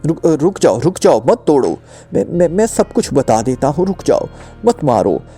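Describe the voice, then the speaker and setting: Panicky stammering thug guy, high and shaky, a man putting him on. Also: sing-song, normal speed, mellow, husky, soft background music. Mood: frantic pleading. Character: terrified stammering male thug under interrogation.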